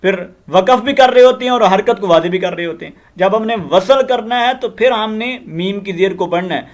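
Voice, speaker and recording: High-voiced man teaching Quran recitation. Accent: Pakistani Urdu. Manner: earnest, repetitive teaching explanations with frequent fillers. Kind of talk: spoken Quran lesson with channel appeals.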